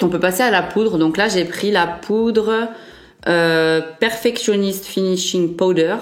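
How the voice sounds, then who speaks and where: Low-voiced casual French beauty vlogger woman. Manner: chatty, frequent "euh" fillers and self-corrections. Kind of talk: casual makeup review.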